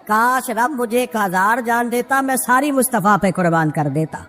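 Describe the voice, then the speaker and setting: A man preaching a passionate sermon who tells stories in a rhythmic way, often swelling into high, emotional cries. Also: a bit bright. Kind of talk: Urdu sermon storytelling. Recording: echoey hall with faint music.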